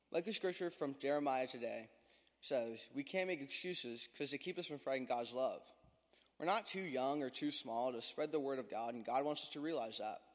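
Lisping American teenage boy in a reverberant hall. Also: medium pitch. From Florida, United States. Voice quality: lisp from an overbite mouth appliance. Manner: self-deprecating, joking. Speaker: student giving a testimony at church youth service. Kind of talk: prepared testimony speech to a congregation. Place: large church hall, speaking from a stage.

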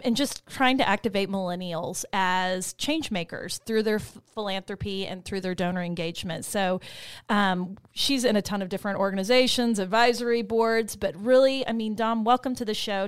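Woman podcast host, upbeat and chatty; smooth tone, dry close-miked sound. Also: medium pitch, dry recording. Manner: energetic, laughs often, many fillers.

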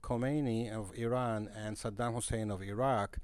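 Earnest man, low dry voice. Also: fairly even intonation, a little mellow, clean tone, no room sound. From Egypt. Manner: earnest, halting with frequent restarts. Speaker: guest, missionary broadcaster. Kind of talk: casual podcast interview. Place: conference center.

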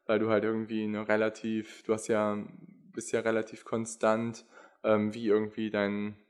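A man's voice: on the low side, monotone, normal speed, clear, resonant tone. A young man explaining physiology in casual chat, hesitant and full of fillers. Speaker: podcast co-host, endurance athlete.

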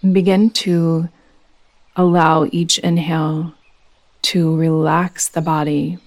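A yoga nidra teacher guides a meditation in a soothing, gentle, unhurried way. Her voice is low-pitched and level.

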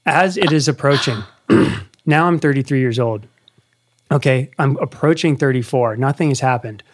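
A man in his thirties, a podcast host, speaks at medium pitch and a moderate pace. He leads a casual conversation, telling an earnest story with animation.

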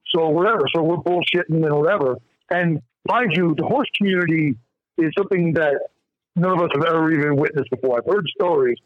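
Male caller, quick rambling talker, dry muffled phone line. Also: on the high side, dry recording. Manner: rambling, restarts often. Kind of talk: casual phone-in storytelling.

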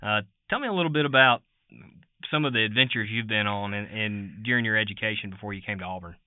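A man hosting a farm podcast interview, halting and repeating words, laughing easily. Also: fairly low pitch, clear, resonant tone, no room sound. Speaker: podcast host. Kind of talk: conversational interview. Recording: narrow phone-like sound, dry.

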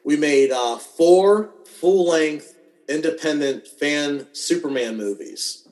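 A man's voice: on the high side, animated, slow, darkish tone. Self-deprecating male guest on a call. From western Pennsylvania. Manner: self-deprecating, dry humor. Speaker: wedding videographer, guest. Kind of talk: casual interview storytelling. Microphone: video call.

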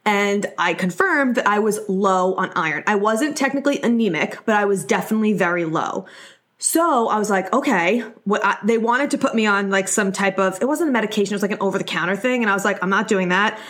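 A woman's voice: mid-range voice, quick pace, fairly bright tone. A young adult woman speaks as a podcast host with a mid-range voice. Her delivery is casual and conversational, chatting informally while she explains and advises.

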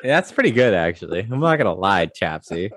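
A man's voice: low-pitched, very animated, fairly quick, a bit bright, no echo. A man chatting casually on a podcast, teasing his friends. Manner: teasing, laughing. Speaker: podcast co-host. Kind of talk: casual chat among friends.

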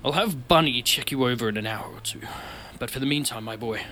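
A man's voice: medium pitch, brisk, soft background music, close to an everyday voice. A man voicing a kindly, protective mustached man who defends a captive and comforts him like a father. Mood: gentle. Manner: indignant when defending, gentle and fatherly when comforting.

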